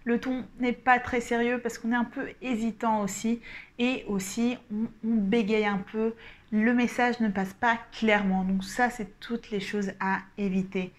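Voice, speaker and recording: A woman giving a coaching lesson to camera, explaining calmly and deliberately and gesturing as she talks. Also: a little high. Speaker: communication coach. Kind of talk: instructional coaching talk to camera.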